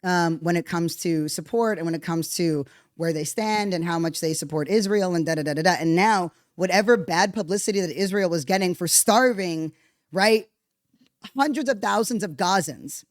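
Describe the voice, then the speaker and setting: A podcast host talking casually and bluntly, reacting to a played clip with frequent swearing. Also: female voice, fairly low pitch, normal speed, no room sound, studio quality. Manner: blunt, profane, animated. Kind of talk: casual commentary on played clips.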